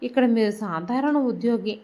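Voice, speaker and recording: A woman voicing a wronged wife who speaks calmly and firmly. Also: on the high side, moderate pace, lightly acted. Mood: steady, stern. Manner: calm, steady, quietly stern. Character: wronged wife, now composed and firm.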